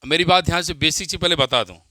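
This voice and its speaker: A man with an Indian accent teaching physics, dictating definitions slowly, repeating phrases and quizzing his students. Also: a little high, pushed and bright, no room sound. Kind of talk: classroom lecture with dictation.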